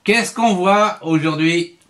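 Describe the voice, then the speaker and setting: A man's voice: high voice, takes it slowly, a bit bright. A man voicing a friendly, eager bear who asks questions in a children's lesson. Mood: cheerful.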